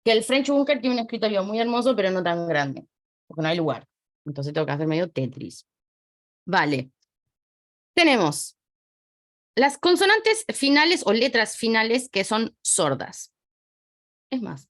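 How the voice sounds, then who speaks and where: A woman's voice: mid-range voice, no echo. A woman with an Argentine accent teaching French phonetics in a chatty online lesson, drifting away from the mic as she writes at a small desk. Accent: Argentine Spanish. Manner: chatty, lively explaining, drifts away from the mic while writing. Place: small home study desk.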